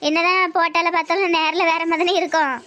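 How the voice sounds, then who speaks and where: Woman doing a squeaky fussy cartoon grandmother. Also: level tone, fast, sharp tone, muffled recording. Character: elderly grandmother, fussy matchmaking mother. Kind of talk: animated family drama dialogue.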